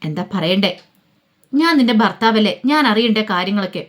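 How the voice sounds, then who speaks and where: Give me an insistent, pleading husband, fast-spoken, read by a woman storyteller. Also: mid-range voice, animated, close to an everyday voice. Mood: pressing. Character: Vikram, a man questioning his wife.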